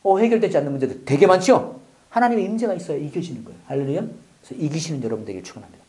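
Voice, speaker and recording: A man preaching a sermon as a pastor, with joking asides, swinging from loud exclamations to near-whispers. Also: fairly high pitch, lively intonation, very fast.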